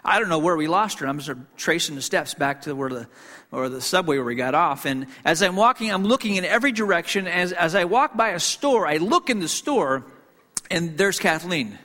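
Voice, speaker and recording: A man's voice: a little high, lively intonation, brisk, sharp tone. A man who grew up in Hong Kong, preaching to a congregation as a pastor. He tells a story conversationally, with frequent fillers, restarts and self-deprecating humor. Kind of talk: sermon storytelling. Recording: long reverb in a hall.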